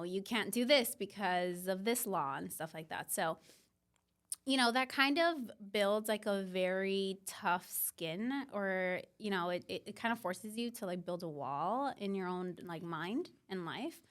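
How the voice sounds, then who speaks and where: On a podcast, a young female business founder from Mexico reflects casually on her life, with plenty of fillers. She has a mid-range, fairly bright voice.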